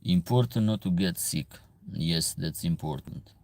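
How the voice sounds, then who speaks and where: A man with an Albanian accent and a very low, deep voice hosts a casual livestream. He reads his viewers' comments aloud and answers each one in turn in an easy, conversational way. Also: measured pace, darkish tone. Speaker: livestream host, veterinarian.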